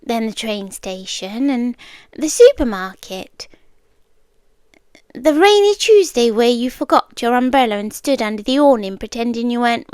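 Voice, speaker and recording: A British woman with a high voice performs a possessive yandere girlfriend for ASMR roleplay, sounding eerily calm, matter-of-fact and unsettling. Her delivery is measured and deliberate, frequently dropping to a whisper. The mic is very close and the recording dry and intimate.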